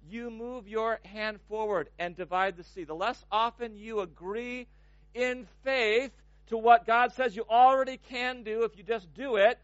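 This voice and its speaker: High-pitched man, sermon delivery, emphatic with repeated words, dry close sound. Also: fairly bright tone, dry recording, highs cut off. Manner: emphatic, repeats words when building momentum. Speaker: preacher.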